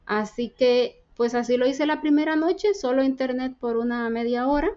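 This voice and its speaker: High-voiced Dominican woman telling testimony. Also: moderate pace, darkish tone, highs cut off. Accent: Dominican Spanish. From Dominican Republic. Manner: earnest storytelling, acting out quoted dialogue. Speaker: guest giving testimony. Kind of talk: personal faith testimony.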